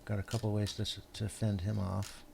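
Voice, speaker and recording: A man hosting a tabletop game session, patiently explaining the rules to his opponent in a halting, rambling way full of fillers and restarts. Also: on the low side, monotone, vocal fry, warm tone, a little hiss or hum. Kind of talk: casual tabletop game chat.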